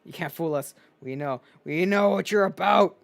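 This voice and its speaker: A man's voice: sits high, moderate pace, vocal fry, pitched above the performer's own voice. A man voicing a bitter, suspicious male villager who scornfully accuses outsiders.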